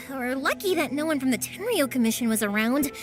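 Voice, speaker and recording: An actress playing a warm-hearted, chatty young woman in a video game, energetic and friendly. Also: high voice, normal speed. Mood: reassuring, careful. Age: young adult. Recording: music behind.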